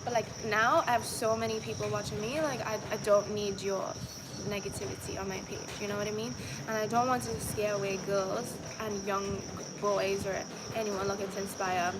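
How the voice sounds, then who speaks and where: A young woman vlogger with a Trinidadian accent chats casually with her live viewers, using lots of fillers and restarting her sentences. Her voice is mid-range with fairly even intonation and a moderate pace, and there is loud background noise in the recording.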